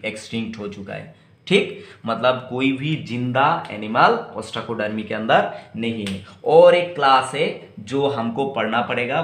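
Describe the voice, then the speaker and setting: A man's voice: mid-range voice, a bit bright, reverberant. A male biology teacher lecturing students, spelling out terms letter by letter and quizzing the class.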